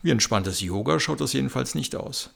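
A man voicing a sharp-tongued, practical young mother, giving quick retorts in a gravelly voice. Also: mid-range voice, expressive, pitched above the performer's own voice, full character voice. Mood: teasing. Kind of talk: comic audio story.

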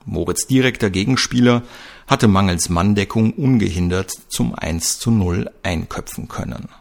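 A man reading a crime story aloud as narrator, in a steady, even storytelling manner. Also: fairly low pitch, normal speed, creaky. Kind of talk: scripted audio-drama narration.

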